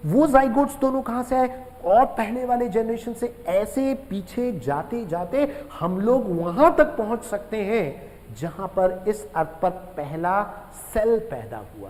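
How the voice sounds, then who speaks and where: A male teacher giving a classroom lecture, often addressing the class as children and repeating key phrases slowly for students to write down. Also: high voice, a little mellow, long reverb tail, rough recording. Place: room with a writing board.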